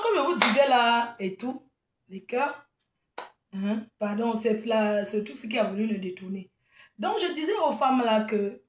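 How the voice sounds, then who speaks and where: A woman with a high voice holds forth in an unscripted live video, scolding her critics and then turning chatty and full of laughter. She sits back from the mic, and the room around her rings. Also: reverberant, distant mic. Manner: chatty and laughing, calls listeners "maman". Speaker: event planner and vendor.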